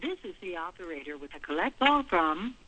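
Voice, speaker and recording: A man's voice: high-pitched, sing-song, fairly quick, pushed and bright, soft background music. A man's voice in a recorded payphone collect-call operator message over a phone line, formal and clipped. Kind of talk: automated operator announcement.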